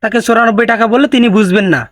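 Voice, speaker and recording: A man's voice: very high-pitched, fairly even intonation, rapid-fire, noisy background. A man hosting a comedic roast video, teasing and sarcastic in tone. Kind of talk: mocking comedic roast narration.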